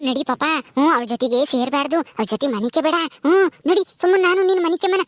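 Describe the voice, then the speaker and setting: A bitter, suspicious old mother-in-law scolds without pause, voiced by a woman. Her voice sits very high and close to the mic. The sound is dry with no room around it. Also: expressive, no echo. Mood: taunting. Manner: scolding, taunting.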